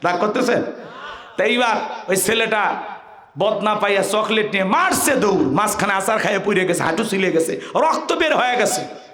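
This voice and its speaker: A man preaching a lively waz sermon at a religious gathering, his voice pitched high and bursting into shouts. He keeps calling out questions to the crowd. The sound comes through a microphone with a long, echoing reverb. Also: moderate pace. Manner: calls out to the crowd for answers and repeats questions; bursts into shouting, folksy and joking.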